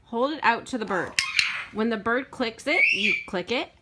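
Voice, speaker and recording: A parrot owner with a cold gives a casual how-to demo on training her bird, her stuffed-up voice a little high and expressive at a moderate pace. She rambles, filling her explanation with ums and self-corrections. The recording is very noisy.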